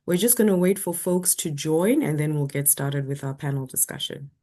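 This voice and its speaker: A woman hosting and moderating an online webinar, speaking in a friendly, measured way with some fillers. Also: deep voice, lively intonation, dark tone. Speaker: webinar host.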